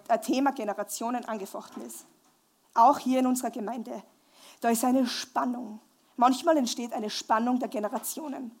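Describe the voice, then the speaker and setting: A woman giving a lively sermon to a congregation in a church hall, asking them questions. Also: on the high side. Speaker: preacher.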